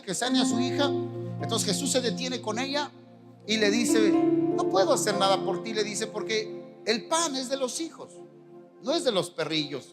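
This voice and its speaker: Mexican pastor, high voice, lively sermon delivery acting out voices, music playing underneath. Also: male voice. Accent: Mexican Spanish. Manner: animated, acts out quoted voices. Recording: music behind the preaching.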